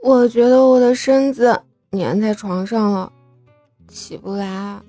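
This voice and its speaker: A woman's voice: high voice, darkish tone, voice pushed up. A woman voicing a lazy young man who whines sleepily. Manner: drowsy, whining.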